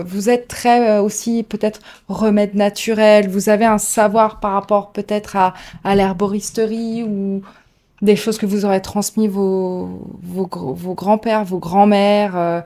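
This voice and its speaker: A woman reads tarot cards for her audience in casual, unscripted style chat. She is talkative and warm in a homemade way, filling pauses with little fillers and light self-mockery. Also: medium pitch. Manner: chatty, laughs at herself, many fillers. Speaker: tarot reader. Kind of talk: casual tarot reading to camera.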